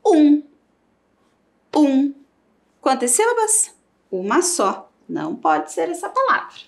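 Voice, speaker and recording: A woman's voice: high-pitched, vocal fry. A woman with a Brazilian Portuguese accent teaching a televised primary school lesson, sounding out syllables for children. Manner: slow, lively, sings out syllables for children.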